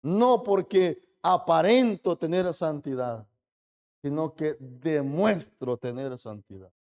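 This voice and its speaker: A man's voice: on the high side, takes it slowly, darkish tone. A man preaching a fervent sermon as pastor, often turning to the congregation with direct questions and acting out the boasts of proud believers.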